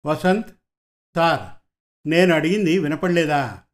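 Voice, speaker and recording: A man voicing a calm, commanding male senior detective who speaks firmly and without hurry. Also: fairly high pitch. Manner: firm, emphatic, unhurried.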